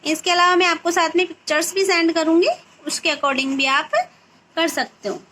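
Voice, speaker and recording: A woman teaching young children a Hindi lesson, patiently asking questions and answering them herself, and repeating words slowly so they can be pronounced. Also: extremely high pitch, sharp tone, slight background noise.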